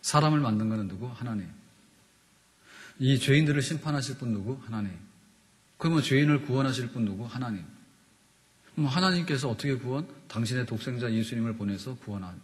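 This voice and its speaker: A man's voice: mid-range voice, brisk. A man giving a conversational sermon as pastor, asking his listeners questions and answering them himself. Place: church sanctuary. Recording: long reverb of a church hall.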